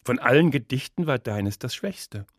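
A solemn old blind poet passes judgment in a slow, weighty voice, as a male reader puts him on. The tone is firm and grave. The reading is mid-pitched and dry, close to the microphone. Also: animated, no echo, close to an everyday voice. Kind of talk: dramatic reading of a story.

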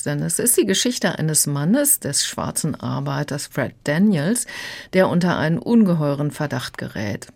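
A woman's voice: low-pitched, a little mellow. A woman critic retelling and discussing an audiobook on radio, explanatory and fluent. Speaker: literary critic. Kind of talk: radio book review talk.

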